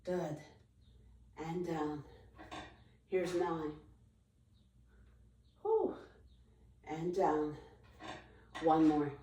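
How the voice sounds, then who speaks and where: This fitness instructor runs a chair workout, calling out brief encouraging instructions, counting repetitions and correcting form. She has a deep, warm voice with a flat delivery, talking very slowly and pausing often. A distant mic picks her up in an echoey room.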